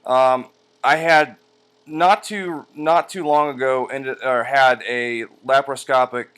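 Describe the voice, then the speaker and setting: A man talking casually in a personal vlog, halting with drawn-out hesitations, sore and medicated as he rests after surgery. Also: mid-range voice, fairly even intonation, fairly bright tone, smooth. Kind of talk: casual personal vlog, recounting his experience. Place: indoors at home on a couch by a window.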